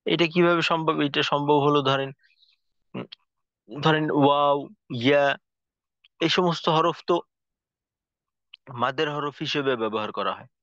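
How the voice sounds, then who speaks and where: A man teaching a tajweed lesson, explaining slowly and carefully with frequent pauses and fillers. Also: on the high side, fairly bright tone, no room sound. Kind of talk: recorded lesson lecture. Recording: dull lo-fi recording, dry.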